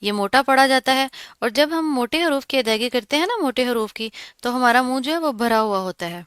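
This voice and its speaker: Bright, crisp woman teaching letter sounds. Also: high-pitched, lively intonation, dry recording, studio quality. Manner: explains, then pronounces each letter slowly and drawn out. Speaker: Quran recitation teacher. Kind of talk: pronunciation lesson.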